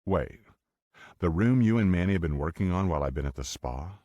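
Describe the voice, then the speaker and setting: Narrator voicing a gentle, eager young man. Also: low-pitched, expressive, fairly quick, no room sound, clean studio sound.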